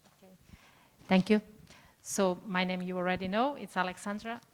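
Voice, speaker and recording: A woman's voice: fairly low pitch, steady tone, moderate pace. Earnest middle-aged woman on a video call. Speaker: input speaker, education director. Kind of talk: online panel introduction.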